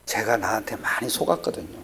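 An older man preaching a sermon, shifting between loud emphatic lines and hushed, almost whispered ones. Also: lowish voice, animated, brisk, slight background noise. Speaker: pastor.

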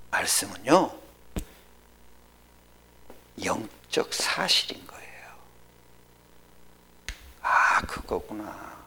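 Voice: mid-range voice, gravelly, a bit bright, slightly rough. A pastor preaching a sermon to a congregation, often asking questions and dropping to a whisper for emphasis. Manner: drops to a whisper for emphasis, asks the audience questions.

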